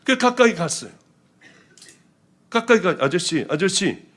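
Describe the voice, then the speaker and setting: A male pastor preaching a testimony sermon, telling his story with lively acted-out quotes that swing from loud outbursts to hushed whispers. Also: high voice, a little slow. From South Korea.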